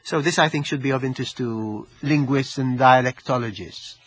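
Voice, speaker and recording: Male academic interviewee, Maltese accent, slightly husky, mid-pitched, halting and self-rephrasing, close dry sound. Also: fairly bright tone, no echo. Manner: halting, repeating and rephrasing words. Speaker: interviewed researcher and author. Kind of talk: scholarly interview discussion.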